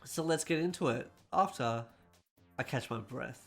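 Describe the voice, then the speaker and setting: A man hosting a casual gaming news roundup, talking quickly and correcting himself as he goes. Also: medium pitch, gravelly, slightly rough, soft background music.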